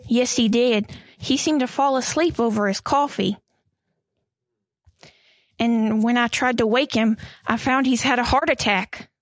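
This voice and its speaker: A woman voices a prim, fluttery housewife in a vintage radio mystery, pitched high. She speaks slowly and properly, with a dry, close sound. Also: no room sound, close to an everyday voice. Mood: shaken. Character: prim middle-aged housewife, nervous hostess. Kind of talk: 1940s radio drama acting.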